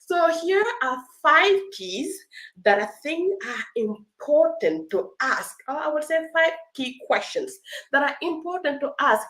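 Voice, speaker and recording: A woman with a bright, high voice hosts a live online session. She talks in a warm, upbeat way, laughs often and reads out viewer comments. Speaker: live session host, accessibility expert. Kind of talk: live-stream talk.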